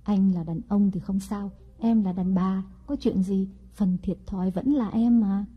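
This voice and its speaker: A woman voicing a scheming young wife in an audiobook story, speaking in a sweet, deliberate way. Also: mid-range voice, breathy edge, muffled recording, close to an everyday voice. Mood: coaxing. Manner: sweet-talking, slow and deliberate. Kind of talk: audiobook character reading.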